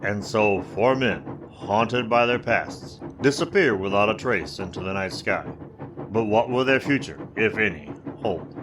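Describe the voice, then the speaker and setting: A man's voice: fairly low pitch, animated, a little slow, background noise. A man playing an ominous, theatrical storyteller who narrates an old-time radio mystery.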